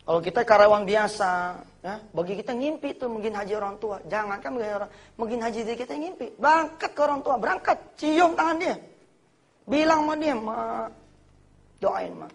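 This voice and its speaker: A man in his forties preaching a lively sermon to a live audience in casual speech, joking and acting out quotes. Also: very high voice, a little fast. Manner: animated, jokey, mixes in slang and acted quotes.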